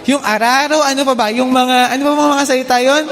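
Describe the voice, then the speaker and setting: A woman's voice: high voice, little pitch movement, quick pace. A woman with a Filipino accent preaching a sermon in a church hall, often asking the congregation "Okay?". She has slight trouble with the R sound. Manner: polite, checks in with the congregation with "Okay?"; mixes English phrases into her talk. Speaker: church speaker and children's teacher. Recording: long hall reverb.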